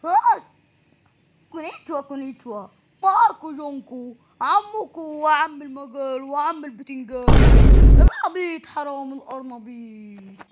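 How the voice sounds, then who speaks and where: A woman's voice: sits high, big pitch swings, moderate pace, lo-fi sound, background noise, voice pushed down. A woman playing a goofy rhyming joker. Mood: silly. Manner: playful, sing-song nonsense. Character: goofy silly man spouting nonsense rhymes.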